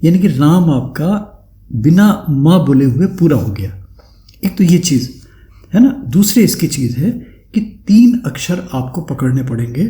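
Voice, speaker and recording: A man with a mellow, somewhat high voice speaks as a spiritual teacher, explaining patiently and pausing to ask "है ना". He demonstrates chanting sounds as he teaches. The recording is roomy and echoey. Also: big pitch swings.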